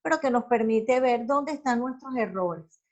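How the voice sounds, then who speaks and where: A woman's voice: a little high, animated, lo-fi sound. Woman teaching a lecture, plain fillers. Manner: explains slowly with frequent fillers and "ok?" checks. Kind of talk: recorded class lecture on public speaking.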